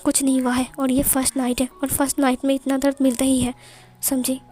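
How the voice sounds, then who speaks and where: A woman voicing a stern, possessive young man who speaks in curt, hushed commands in a storybook reading. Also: high-pitched, completely flat delivery, a little fast.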